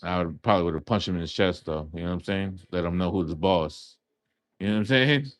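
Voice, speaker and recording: A man in his thirties hosts a casual livestream, joking and rambling in slangy talk and often saying "you know what I'm saying". His voice is low and brisk.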